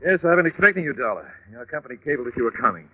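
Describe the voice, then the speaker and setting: An actor playing a formal, earnest art patron who talks in a self-important way, in an old radio drama. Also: male voice, mid-range voice, expressive, rapid-fire, a crowd in the background, close to an everyday voice. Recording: tinny old radio recording with faint hiss.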